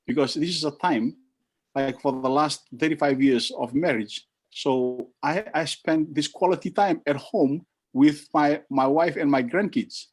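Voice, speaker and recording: An older man from Fiji giving a halting toast on a video call, with many fillers and restarts. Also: on the high side.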